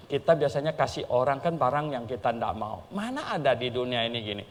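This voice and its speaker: A male pastor preaching a sermon in an animated, chuckling way, acting out little dialogues. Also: medium pitch, a little fast, in a large hall.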